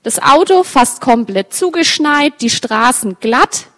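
A woman telling a story with pictures to an audience, talking straight to her listeners in a lively way. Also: sits high, unhurried. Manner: lively, direct address to listeners. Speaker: storyteller for children. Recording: long reverb, large hall.

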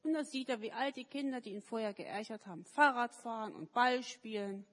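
A woman telling children a story at a service in a slightly high voice, lively and questioning. Her voice carries a long echo from the hall. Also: brisk. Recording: echoey hall.

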